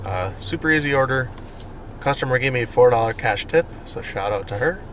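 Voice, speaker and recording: Guy doing a chatty delivery driver vlog, medium pitch, upbeat, car and street noise behind him. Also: expressive, brisk, a bit bright. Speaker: food delivery driver vlogger. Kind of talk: casual vlog update to viewers. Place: in and around a car, between deliveries.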